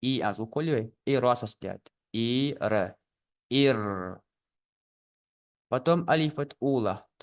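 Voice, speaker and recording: A man teaching the Quran, naming Arabic letters and vowel marks slowly and deliberately and repeating each sound. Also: medium pitch, lively intonation. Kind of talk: recorded lesson on Arabic letters.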